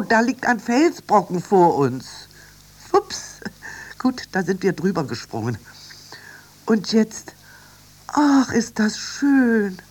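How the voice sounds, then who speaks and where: A reader voicing an excitable young girl who talks in breathless, wide-eyed chatter in a children's radio story. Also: mid-range voice, voice pushed up.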